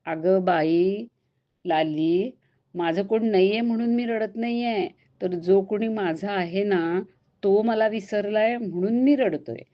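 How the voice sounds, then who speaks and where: A woman's voice: medium pitch, slow pace, dull audio, lightly acted. A woman voicing an old blind male ascetic who grumbles and complains in a pleading, tearful way. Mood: complaining.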